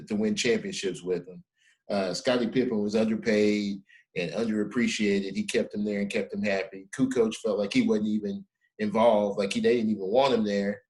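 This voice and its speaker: A middle-aged man with a low, deep-set voice hosts a relaxed podcast conversation. He talks with emphatic energy, leaning on "man" as he makes his points. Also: low-quality recording. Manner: emphatic, peppers speech with "man". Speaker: podcast host. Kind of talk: casual interview chat.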